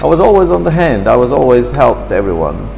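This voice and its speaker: Recorded by a camera across a café table, this fifties-aged man from Turkey reminisces about growing up, talking in chatty, slightly broken English and moving his hands as he speaks. He has a medium-pitched, creaky voice and talks fairly quickly. The rough recording carries a big-room echo with faint music behind him.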